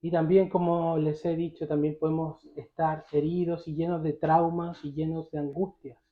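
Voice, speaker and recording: A man's voice: fairly high pitch, flat delivery, moderate pace, echoey room, narrow, tinny audio. A male pastor preaching a sermon, telling the story vividly and asking the congregation questions.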